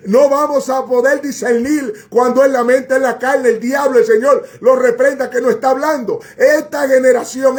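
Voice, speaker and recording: A man's voice: extremely high pitch, a little mellow. A man preaching a fervent sermon, repeating phrases and crying out to God between lines.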